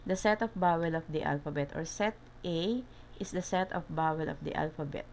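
A woman with a slightly low voice and a Filipino accent gives an instructive slide lesson. She switches between English and Tagalog in the middle of sentences and often checks in with short tag questions. There is clear background noise behind her. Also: a little fast, a little mellow. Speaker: math teacher.

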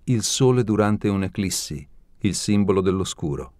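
A man narrating an audiobook in a steady, measured reading voice, close to the mic. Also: lowish voice, no room sound.

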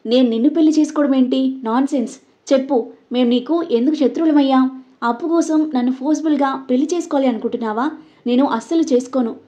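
A hot-tempered young woman, as a storyteller puts her on pushes back loudly and indignantly. Her voice sits high and soft-toned. The recording has a muffled, lo-fi sound. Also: quick pace, close to an everyday voice. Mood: defiant. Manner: indignant, raised voice. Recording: dull lo-fi recording.

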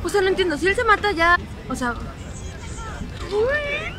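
Woman, Mexican Spanish accent, high voice, excitable, slangy and profane, outdoor street fair, headset mic, loud crowd and music behind. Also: measured pace. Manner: excitable, profane slangy chatter, shrieking repeated "no". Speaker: reaction vlogger. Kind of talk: live anime reaction. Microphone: earphone headset mic. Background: crowd noise and loud music.

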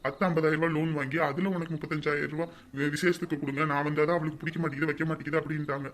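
A man's voice: a little high, little pitch movement, racing, fairly bright tone, lightly acted. A man playing a patient husband in a family drama, who reasons with his wife and lectures her earnestly. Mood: earnest lecturing.

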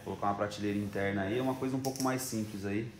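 Low-voiced carpenter in an echoey room. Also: male voice, steady tone, racing. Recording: echoey room with crowd noise.

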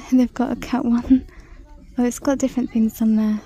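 A woman chatting through a shopping walk-through in a large store, reading out prices and sometimes dropping to a soft whisper, filmed on a handheld phone. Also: fairly high pitch, level tone, moderate pace, breathy edge. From United Kingdom. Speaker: shopping vlogger. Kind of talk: casual shop-with-me commentary. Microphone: handheld phone camera.

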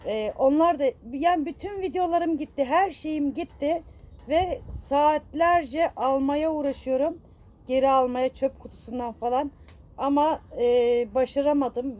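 A woman's voice: high voice, dark tone. A woman vlogger in a casual apology to her viewers, upset and self-reproaching, rambling with many fillers and affectionate toward her audience. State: distressed.

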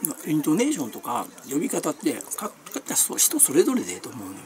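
A woman's voice: deep voice, wildly swooping pitch, fast talker, a little mellow, slight background noise. A middle-aged woman with a Kansai Japanese accent chatting casually as a vlogger, rambling from one everyday topic to the next with many fillers and small laughs. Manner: chatty, meandering, refers to herself by nickname, frequent laughs and fillers.

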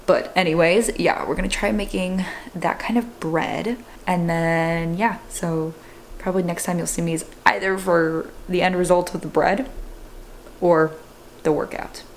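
A young woman talks casually to her camera at home, her voice sitting a little low and her chat loose and full of fillers. A faint hiss runs under the home recording. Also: fairly even intonation, a little slow. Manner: chatty, filler-heavy with many "like"s. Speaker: fitness vlogger. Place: home kitchen, indoors.

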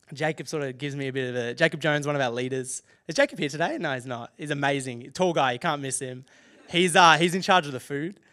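A young adult man with an Australian accent, a youth pastor telling a lively story in a sermon, laughing and acting out the people in it. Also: a little high. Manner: animated, laughing, acts out dialogue. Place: church auditorium.

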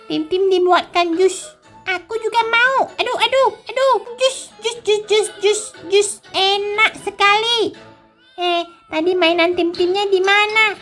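A woman's voice: extremely high pitch, sharp tone, voice pushed up, full character voice. Woman doing a whiny jealous toddler boy. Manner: whiny, childish.

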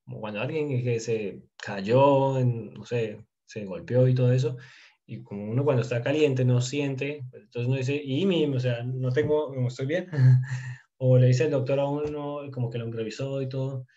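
A man teaching Turkish, slowly drilling question forms and explaining in quick, casual asides. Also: medium pitch, steady tone, warm tone, dull audio. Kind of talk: casual language lesson.

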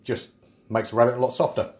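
A man with a medium-pitched, darkish voice speaks quickly and flatly while chatting through a home cooking video in his small home kitchen. He explains each step as he goes, adding self-mocking asides.

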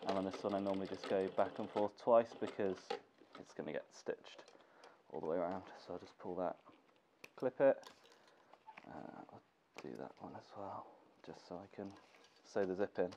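A gear maker's low-sitting voice moves at a moderate pace as the young man, congested with a cold, casually demonstrates sewing in his workshop. He's relaxed, thinking aloud and leaning on fillers. The dull lo-fi camera audio has faint noise.

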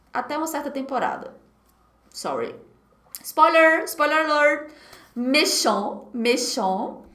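A Brazilian woman teaching a live beginner French class online, animated and drilling words by repetition, laughing often. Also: on the high side, roomy sound. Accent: Brazilian Portuguese. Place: home setup at her computer. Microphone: computer mic.

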